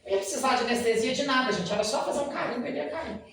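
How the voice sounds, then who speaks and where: A man's voice: very high-pitched, very fast, crowd noise. A man, a dentist, giving a spoken lecture and telling stories, often addressing the audience directly. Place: lecture hall at a spiritist center. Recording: very echoey hall, mic far off.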